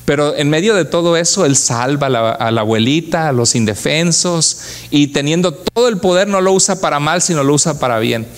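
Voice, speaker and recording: A man preaching from the pulpit with a voice pitched a little above the usual male range. He speaks with fervor and often turns to his congregation with rhetorical questions, as a pastor delivering a church sermon does. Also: lively intonation, a little fast.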